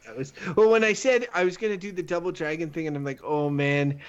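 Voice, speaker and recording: A man's voice: a little high, quick pace, a crowd in the background. A man co-hosting a casual podcast, teasing his co-hosts dryly. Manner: dry, teasing. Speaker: podcast co-host. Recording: dull remote call audio.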